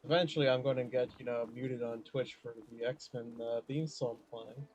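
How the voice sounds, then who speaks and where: A man's voice: mid-range voice, steady tone, normal speed, a little mellow. A man streaming a video game, chatting casually as he plays. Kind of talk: casual chat while playing.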